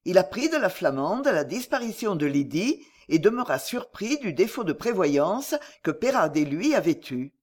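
Expressive woman reading a classic novel. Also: fairly low pitch, normal speed, hardly any pauses. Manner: expressive, steady storytelling. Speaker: audiobook narrator. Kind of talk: scripted narration of a classic novel.

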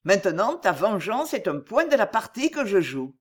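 Brief: a reader plays a sly master criminal, persuasive and confiding, in an animated storybook reading. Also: mid-range voice, moderate pace.

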